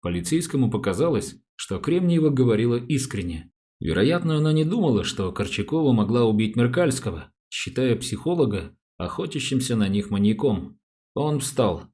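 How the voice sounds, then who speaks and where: A man narrating an audiobook with an even, unhurried reading. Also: medium pitch, breathy edge. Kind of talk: scripted narration.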